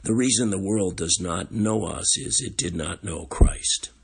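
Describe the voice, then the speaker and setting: A gentle scripture devotional comes from an aging man with a low, frail voice full of breath and gravel. He reflects contemplatively and lets long pauses hang.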